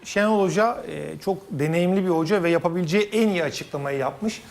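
A man's voice: high-pitched, brisk, vocal fry. A man arguing his points as a pundit in a football panel debate.

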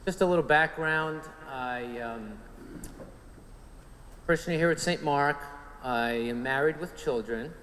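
His voice is a little high and slightly bright, and he takes it slowly with frequent pauses. The speaker, a man in his forties from Long Island, New York, earnestly gives his testimony at a men's conference inside a big church sanctuary, where reverb and faint room noise can be heard.

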